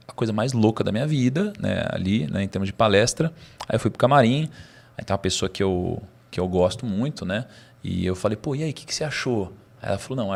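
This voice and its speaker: A man with a Brazilian Portuguese accent, a podcast guest telling a personal story in casual conversation. He is animated and uses slang, with bursts of laughter. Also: on the low side, creaky.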